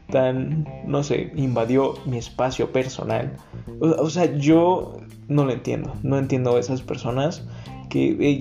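Young mexican guy ranting with lots of slang, gravelly dark voice, lo-fi audio with faint guitar behind. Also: medium pitch. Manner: crude, joking rants with slang. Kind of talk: casual storytelling monologue.

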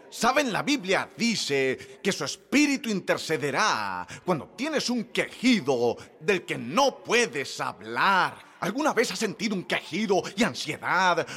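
A man preaching a sermon in a church, joking and conversational, swinging from soft asides to shouted peaks. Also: a little high, slightly rough. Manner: jokey and conversational. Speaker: pastor.

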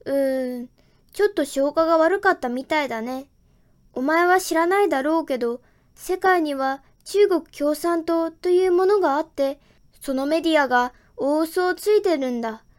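A woman's voice: high-pitched, moderate pace, close to an everyday voice. A woman voicing a round, smelly talking lie creature that grumbles bluntly. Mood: grumbling.

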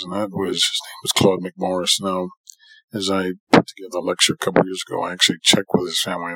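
A New York surgeon and professor in middle age gives an autobiographical podcast monologue, earnest and repeatedly rewording for emphasis. He speaks low with vocal fry, in a pushed, bright, husky voice, and the recording is dry and poor.

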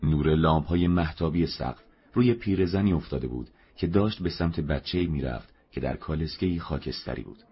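A man reading a novel aloud as narrator, in a steady, measured way. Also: a bass voice, slightly rough. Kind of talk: audiobook narration. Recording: dull lo-fi recording.

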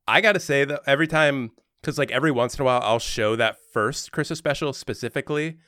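A man's voice: medium pitch, quick pace, bright, forceful tone, no room sound, clean studio sound. A young man chatting casually on a podcast, rambling and laid-back with lots of fillers. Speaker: podcast co-host, special guest. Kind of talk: casual chat.

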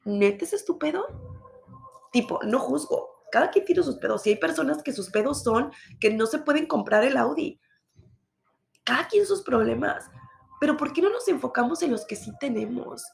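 A woman's voice: high voice, animated, normal speed, vocal fry, slight background noise. A woman in her thirties with a Mexican accent, talking bluntly and profanely in a casual confessional monologue. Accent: Mexican Spanish. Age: 30s. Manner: blunt and profane, mocks her own past self.

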